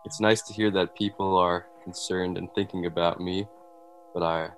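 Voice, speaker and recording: A man's voice: low-pitched, steady tone, moderate pace, low-quality recording. A man hosting an investigative podcast in a scripted narration style. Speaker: podcast host. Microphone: video call.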